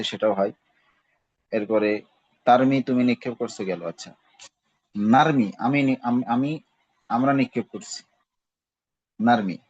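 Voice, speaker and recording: A man teaching an Arabic grammar class at an ordinary pitch. He steps patiently through each verb form and keeps checking in with his students. The sound is dry and close, with no room echo. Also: breathy edge, highs cut off. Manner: patient, repeats verb forms with their meanings; checks in with "ঠিক আছে". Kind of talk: recorded class lesson.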